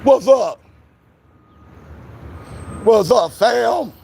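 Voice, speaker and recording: A man's voice: very high-pitched, animated, drawn-out words, gravelly, a crowd in the background. A man vlogging on a city street, greeting passersby in upbeat slang while losing his voice. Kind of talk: casual street chat.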